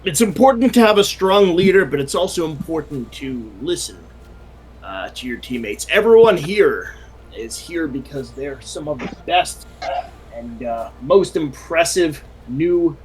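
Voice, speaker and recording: A man plays an earnest young superhero leader in a tabletop role-play, his voice pitched a little high. The tone is somewhat husky and breathy, and he speaks in measured, sincere phrases. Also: expressive, rough recording.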